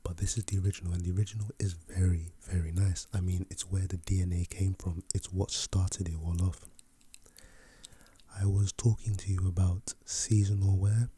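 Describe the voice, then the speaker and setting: For an ASMR role-play, a man voices a chatty, relaxed fragrance salesman, his patter soft, breathy and leisurely. He speaks in a low pitch with flat delivery.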